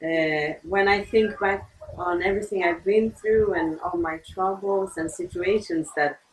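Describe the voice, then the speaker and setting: A woman's voice: on the low side, measured pace. A woman in her forties, from Tanzania and raised in Sweden, answering interview questions in a hesitant, reflective way with many fillers. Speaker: interview guest. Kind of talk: casual interview. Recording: distant mic with noisy background.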